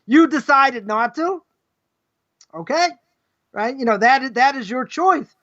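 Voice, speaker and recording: A middle-aged rabbi takes his time in a live, meandering Torah lesson on ethics, speaking with an extremely high pitch, lively intonation, and a pushed, bright sound. He keeps asking rhetorical questions and tags nearly every point with "right?", while the livestream audio is dull and lo-fi.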